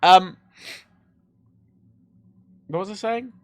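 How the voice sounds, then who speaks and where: A man's voice: high voice, extremely slow, dry recording. A man born in Ireland and raised in England, a drunk livestreamer rambling casually, swearing a lot and poking fun at himself. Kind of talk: casual rambling stream chat.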